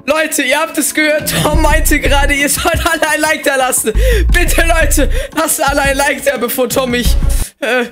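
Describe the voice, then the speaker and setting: A man with a German accent doing excitable, slang-heavy let's-play commentary and talking to his viewers. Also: very high voice, normal speed, over music. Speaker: gaming youtuber.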